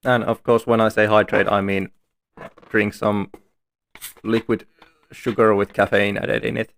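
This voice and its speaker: A man's voice: on the low side, little pitch movement, a little slow, gravelly, a bit bright, a little hiss or hum. A man streaming from home, reading story text aloud and breaking off for chatty, self-deprecating asides.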